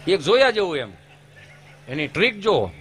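On stage, a man with a Kathiyawadi Gujarati accent tells folk comedy stories, acting out village characters with sudden voice shifts. His voice is high and sing-song, fairly bright, at a moderate pace, with a little hiss or hum.

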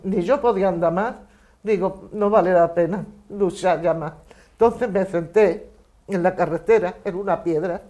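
An older woman giving personal testimony in a measured storytelling way, voicing the lines of the people in her memory. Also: lowish voice, a little mellow. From Spain. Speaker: eyewitness interviewee.

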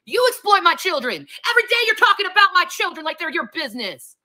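High, animated woman ranting angrily. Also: quick pace. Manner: heated, profane, confrontational. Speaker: livestreamer in a played clip. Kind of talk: angry livestream rant.

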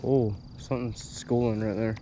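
A young man talking casually as he fishes from a small boat on a lake, getting excitable when a fish bites. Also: fairly low pitch, moderate pace. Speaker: angler filming his fishing trip. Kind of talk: casual fishing vlog chat. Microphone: head-mounted action camera. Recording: noisy outdoor action-camera audio. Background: steady outdoor noise of wind and water.

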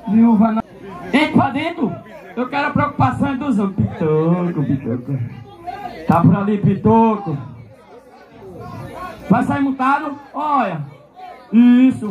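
A man announcing a live rodeo, shouting, joking and egging on the crowd outdoors. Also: very high voice. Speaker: event announcer. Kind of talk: live bullfight-style rodeo commentary. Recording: loud crowd and music outdoors.

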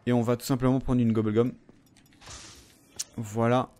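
A man's voice: medium pitch, level tone, moderate pace, dark tone, a little hiss or hum. A young man giving casual gameplay commentary, rambling with lots of fillers and frequent swearing. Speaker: gamer.

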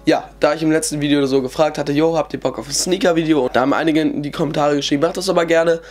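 A young sneaker vlogger with a cold chats casually through his shoe collection from a desk in a bedroom lined with shoe shelves, using plenty of fillers. His slightly mellow voice is on the high side, steady and rapid-fire, with faint music behind him.

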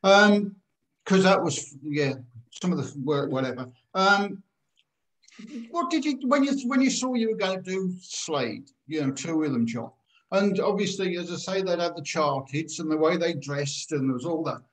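A man hosts the interview and asks questions in a loose, easygoing way. His voice is high for a man. He often pokes fun at himself as he goes. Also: big pitch swings, moderate pace, low-quality recording. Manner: loose, self-deprecating questioner. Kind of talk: casual interview.

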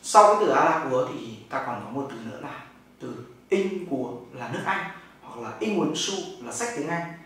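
Explaining step by step and posing questions he then answers, a Northern Vietnamese man leads a language lesson in class. He sounds animated and a bit bright, at medium pitch and normal speed. Heavy echo, a distant mic, and noise fill the recording.

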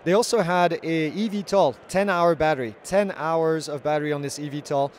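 A man's voice: a little high, steady tone, normal speed, slight background noise. Upbeat man reporting from a trade show. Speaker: drone news host. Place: large indoor convention hall. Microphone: handheld mic.

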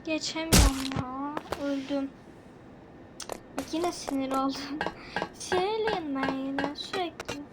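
A woman giving excitable gameplay commentary, talking straight to her viewers and exclaiming often. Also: high voice, slow pace, long pauses, very noisy. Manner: excitable, keeps exclaiming and asking questions aloud. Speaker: gaming video creator.

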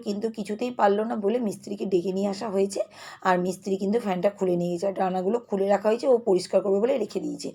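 This lifestyle vlogger speaks quickly and chattily, restless as she narrates a casual home vlog from her kitchen. Her voice is mid-range, mellow, and husky.

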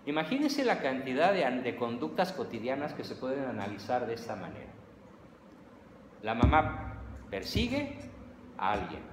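A man with a Mexican accent giving a lively, humorous lecture, acting out everyday scenes. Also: medium pitch, moderate pace, pauses often. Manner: animated, humorous, acts out scenes. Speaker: lecturer on psychology. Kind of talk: lively lecture with acted examples. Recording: echoey hall, faint noise.

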